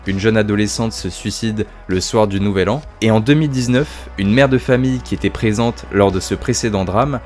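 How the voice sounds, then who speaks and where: A man's voice: lowish voice, fairly quick, few pauses, darkish tone, faint music behind. A man hosting his own video review, talking casually about horror series with swearing, self-mocking asides and enthusiasm.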